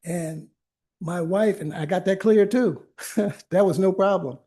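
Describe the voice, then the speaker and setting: A man's voice: high voice, a little slow, dark tone, breathy edge. An older man, an attorney, giving an informal library talk, telling stories in a chatty way with many restarts and asides. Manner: anecdotal, conversational, frequent restarts and asides. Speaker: attorney and workshop presenter. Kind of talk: informal lecture with personal stories. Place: library meeting room.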